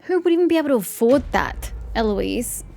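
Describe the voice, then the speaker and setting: A woman's voice: a little high, expressive, brisk, gravelly, dark tone, soft background music. A woman giving casual, chatty, sarcastic commentary while she plays a video game. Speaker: gamer commentator.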